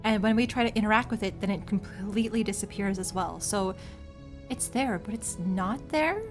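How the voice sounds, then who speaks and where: A woman's voice: medium pitch, normal speed. A woman doing casual, playful commentary as she streams a game, chatting and reacting aloud. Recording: faint music behind the voice.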